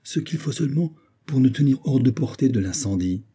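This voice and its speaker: A man voicing a commanding male engineer who gives curt, urgent orders in a storybook reading, his voice dark and husky. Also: medium pitch, animated, brisk, pitched above the performer's own voice.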